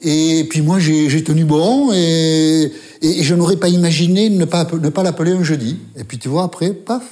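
An older man with a Basque accent, telling stories from his career as a journalist in a lively, casual way with the odd swear word. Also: fairly high pitch, moderate pace. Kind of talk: interview storytelling.

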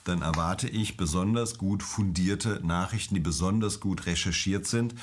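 A middle-aged man, an emergency doctor, answering interview questions in a calm, measured, explanatory way. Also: low voice.

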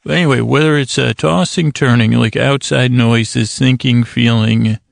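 With vocal fry and fairly even intonation in a mid-range voice, a podcast host delivers a meandering bedtime monologue. He stammers and restarts often, halting as he drifts into silly tangents that make fun of himself. The studio sound is clean and echo-free.

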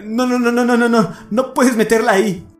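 A man voicing a terrified young man who begs desperately in a horror story reading, his voice high and frantic. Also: steady tone, normal speed, echoey room, soft background music. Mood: pleading.

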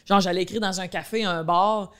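A woman's voice: mid-range voice, steady tone, a little fast, smooth. Rural Quebec woman comedian in her thirties, a podcast guest who rambles and chats loosely. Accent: Quebec French, rural. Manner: chatty, rambling, full of fillers. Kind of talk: casual chat.

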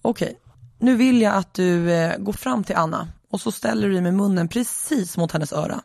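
The podcaster voicing a patient family doctor who gives calm instructions over the phone in a raised voice. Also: medium pitch, vocal fry, no room sound, clean studio sound, natural voice. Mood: instructive.

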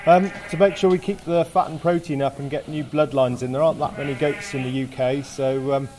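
Flat-voiced farmer, hesitant, mellow. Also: male voice, medium pitch, brisk. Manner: plain, hesitant with fillers. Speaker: goat farmer. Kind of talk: interview answers.

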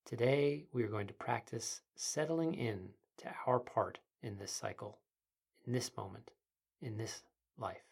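A person narrating a guided meditation in a soft, soothing, breathy voice, gently and in measured phrases with short pauses. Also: mid-range voice. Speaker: guided meditation podcast host.

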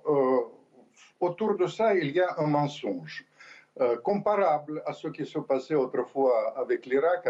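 An older man from Ukraine, a former diplomat, answering insistently over a poor remote link, with halting restarts. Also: medium pitch, darkish tone. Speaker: guest commentator, former diplomat. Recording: dull lo-fi remote line.

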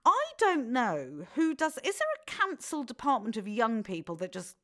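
A woman's voice: a little high, sing-song, normal speed, fairly bright tone. Chatty middle-aged woman. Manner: chatty, gossipy storytelling with laughs. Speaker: podcast host. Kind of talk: casual chat.

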